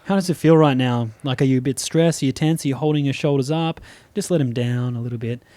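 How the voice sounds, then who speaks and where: A man's voice: mid-range voice, fast talker, warm tone, no room sound. A man, a comedian co-hosting a podcast, chatting in a playful, teasing way. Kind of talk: casual chat.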